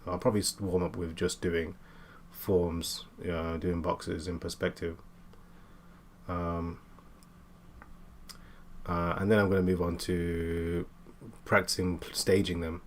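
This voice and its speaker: Man, late twenties, very low voice, halting casual chat while drawing, faint room hum behind. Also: flat delivery. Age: 20s. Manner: hesitant, many fillers and restarts. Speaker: art streamer.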